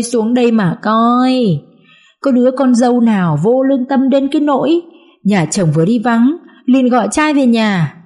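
A spiteful, scolding mother-in-law from an audiobook drama, as a woman reader puts her on, wailing and hurling abuse. Her voice sits warm and mellow under the harshness. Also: on the high side. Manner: wailing, abusive shouting.

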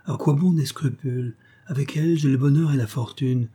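A man's voice: mid-range voice, fairly quick, mellow, husky, pitched above the performer's own voice, close to an everyday voice. A man voicing a brooding, guilt-ridden male pastor who hides a terrible past. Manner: tense, brooding.

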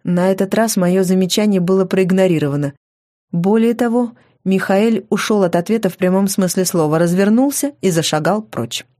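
A woman narrating a fantasy novel in the first person, in a wry, lively storytelling manner. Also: medium pitch, normal speed, no room sound, clean studio sound. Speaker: audiobook reader.

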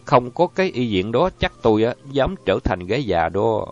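A man's voice: medium pitch, big pitch swings, moderate pace, natural voice. A man reading an audiobook voices a playful, teasing young woman with a raised voice. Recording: dull lo-fi audio, faint music.

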